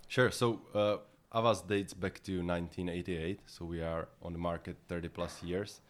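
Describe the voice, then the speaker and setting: A man with a Czech accent answering interview questions in a halting way, often repeating words as he goes. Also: low-pitched, level tone. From Czech Republic. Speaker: podcast guest, head of localization and e-commerce at a software company.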